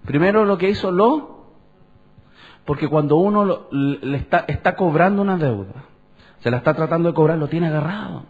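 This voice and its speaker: A pastor, preaching conversationally and asking the congregation questions. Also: male voice, on the high side, lively intonation, moderate pace. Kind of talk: sermon. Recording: dull lo-fi church recording.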